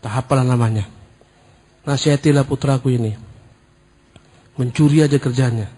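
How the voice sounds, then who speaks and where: A man voicing a worried mother who slowly pleads with a cleric to advise her son. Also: medium pitch, mellow, close to an everyday voice. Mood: pleading.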